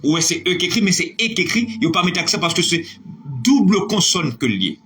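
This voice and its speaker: Lively high-voiced male teacher spelling aloud. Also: quick pace. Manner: spells words letter by letter, praising students. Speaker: online French teacher. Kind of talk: live online spelling lesson.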